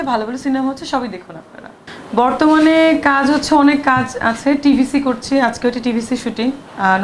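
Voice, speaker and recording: A woman's voice: high-pitched, slight background noise. A woman actress with a sore throat, chatty and defensive while answering press questions at a shoot. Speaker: film actress. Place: noisy shooting location.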